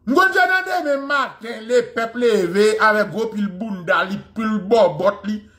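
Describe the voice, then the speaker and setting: High, fervent man lecturing on history. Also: animated, slow pace, fairly bright tone. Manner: fervent, repeats phrases for emphasis.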